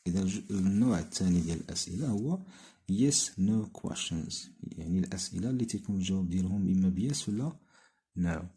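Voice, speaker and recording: A man with a Moroccan Arabic accent explaining an English grammar lesson, reading the English example sentences slowly. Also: low-pitched, lively intonation, mellow. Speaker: English teacher.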